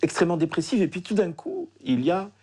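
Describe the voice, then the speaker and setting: A man with a husky, creaky voice explaining as an expert in an interview, searching for words and restating. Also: sits high, very animated, quick pace, dark tone.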